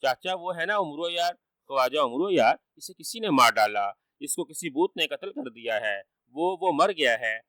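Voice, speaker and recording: A man doing a panicked shouting young man. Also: fairly high pitch, lively intonation, hardly any pauses, no echo. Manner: panicked, urgent.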